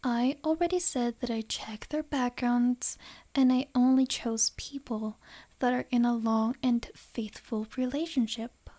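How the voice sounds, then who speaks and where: For an ASMR romance roleplay, a woman voices a rich, possessive noblewoman. Her fairly high voice is very soft around the edges, and her phrasing is breathy, unhurried and refined, with fairly even intonation. She sounds composed, her menace wrapped in gentle politeness.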